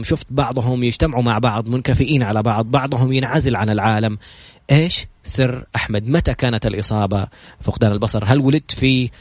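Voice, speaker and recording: A man hosting a podcast in a casual talk style, reciting prayers and then telling stories in a lively, chatty way. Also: mid-range voice, no room sound. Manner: opens with recited prayers, then brisk storytelling; lively and chatty, jokes with the guest. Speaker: podcast host. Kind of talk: casual talk show introducing a guest.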